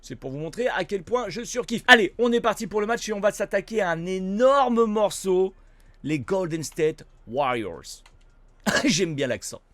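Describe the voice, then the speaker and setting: A man giving casual gameplay commentary as a gaming YouTuber, chatty, swearing casually and bursting out loud at big plays. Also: sits high, expressive, brisk, dry recording.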